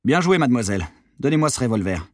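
Guy doing a smooth bossy dad, a bit raised, husky and dry. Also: mid-range voice, sing-song, quick pace, no echo, voice pushed up. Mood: commanding. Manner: smooth, commanding, falsely reassuring. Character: calm authoritative father secretly in league. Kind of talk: audiobook character voice.

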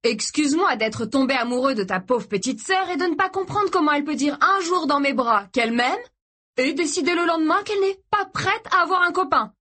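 A volatile, jealous young man, voiced by a woman reading a storybook aloud, snarls and shouts his threats. His voice rides high and loud above the narration, hard and vulgar, always on the edge of violence. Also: a little slow, slightly rough. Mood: furious shouting.

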